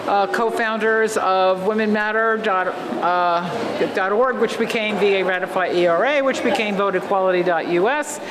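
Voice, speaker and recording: A woman's voice: medium pitch, normal speed, few pauses. A woman activist giving informal answers in an interview. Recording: noisy public space.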